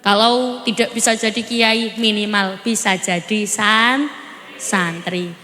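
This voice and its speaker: A woman's voice: mid-range voice, fairly even intonation, slow pace, sharp tone, long reverb tail, slight background noise. A woman preacher with a Javanese accent gives a humorous sermon on stage at a large gathering, chatting playfully and quizzing her audience.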